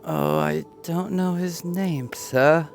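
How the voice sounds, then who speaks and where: A man's voice: a little high, slow pace, vocal fry, soft background music, voice pushed up, full character voice. A man voicing a sly, fawning hunchbacked peasant in a fantasy audiobook. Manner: fawning, wheedling.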